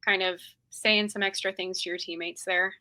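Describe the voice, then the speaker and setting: A woman's voice: medium pitch, flat delivery, moderate pace, pushed and bright, no echo. A young woman hosting a casual sports podcast interview, chatty and upbeat with frequent fillers. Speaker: podcast host.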